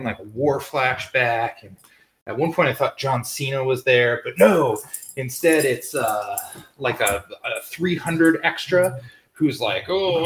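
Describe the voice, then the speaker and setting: A man's voice: mid-range voice, fairly bright tone, echoey room, slight background noise, poor audio. A man hosting a casual TV review, rambling, sarcastic and profane. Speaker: TV review host. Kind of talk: casual spoiler review chat.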